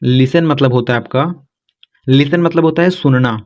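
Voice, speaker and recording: A man teaching English vocabulary to learners, going word by word and repeating each one with a steady "okay". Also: mid-range voice, moderate pace. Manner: repetitive, keeps saying "thik hai". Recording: slightly dull lo-fi sound.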